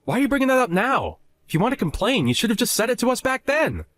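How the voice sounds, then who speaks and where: A man's voice: mid-range voice, sing-song, normal speed, no room sound, close to an everyday voice. A man voicing Justin, a young husband who argues defensively and indignantly in a dramatized chat story.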